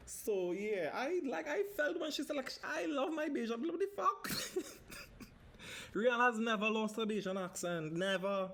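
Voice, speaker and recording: A Trinidadian man in his thirties hosts a casual solo podcast, swearing freely and drifting into Caribbean dialect. His voice sits very high and has a sing-song, creaky quality, with a fairly bright tone and a slightly slow delivery.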